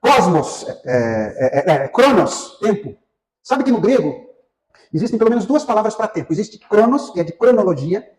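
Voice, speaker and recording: Brazilian man, Bible class teacher, chatty lecture with fillers, high animated voice, echoey room. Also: normal speed. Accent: Brazilian Portuguese. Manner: conversational, asks the class questions, many fillers. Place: church classroom.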